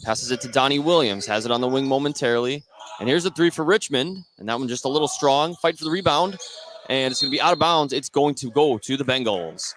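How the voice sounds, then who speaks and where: An American man delivers live radio play-by-play of a basketball game from an indoor high school gym. His voice is medium-pitched, fairly quick and fairly bright. Gym noise, including a bouncing ball, runs behind him.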